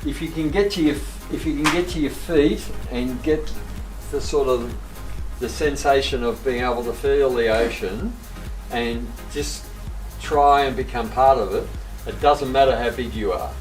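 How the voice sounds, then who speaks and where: An older man explains technique in a casual coaching way, often checking that he is understood. He is recorded at a distance in an echoey space, with music clearly behind him. His pitch is average for a man. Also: moderate pace. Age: older, about 60s. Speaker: surfboard seller and surf coach. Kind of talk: casual instruction. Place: open surfboard workshop with roller door. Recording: echoey workshop, distant mic, background music.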